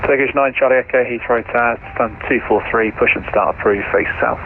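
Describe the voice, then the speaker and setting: A man working as an air traffic controller, giving procedural clearances over the radio. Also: medium pitch, fairly even intonation, fairly quick. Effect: aircraft radio. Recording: muffled radio audio with music behind.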